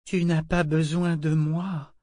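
A man reading aloud, voicing a wise, gentle female living ship who speaks softly and slowly. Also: a little high, no room sound, clean studio sound, pitched above the performer's own voice. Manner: soft, slow and calm.

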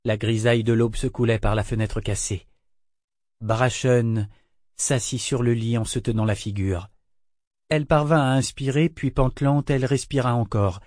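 Male audiobook narrator, measured and steady, mid-range voice, dry close recording. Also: medium pitch, dry recording. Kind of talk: scripted narration.

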